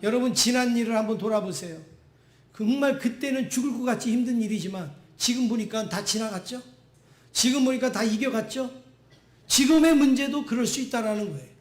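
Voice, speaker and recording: A man's voice: very high voice, fairly quick. A man pastor preaching a Sunday sermon, emphatic and repeating phrases for stress. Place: church sanctuary. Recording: echoey church room.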